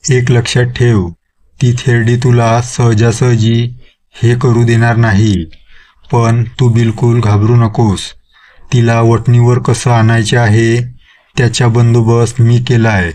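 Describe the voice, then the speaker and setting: A man's voice: mid-range voice, completely flat delivery, slow, a little mellow, lightly acted. A man voicing a stern, commanding old male guru who casts out a witch-ghost in a storybook horror tale. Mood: instructing. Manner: commanding, lecturing.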